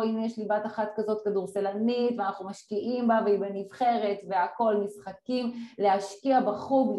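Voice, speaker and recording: Woman guest expert explaining things, measured with lots of fillers, echoey room sound. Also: mid-range voice, dark tone. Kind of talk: casual conversation. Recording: roomy echo.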